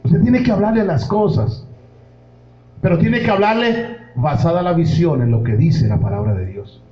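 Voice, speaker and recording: A pastor preaches fervently to his congregation in a church hall, addressing them directly in a slightly high, animated voice at normal speed. The recording is roomy and dull.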